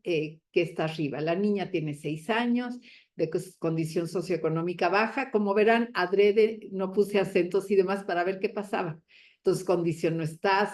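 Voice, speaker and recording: Woman lecturer, lively conference talk full of fillers and restarts. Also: medium pitch. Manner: lively, many fillers and self-corrections. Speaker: university teacher giving a lecture.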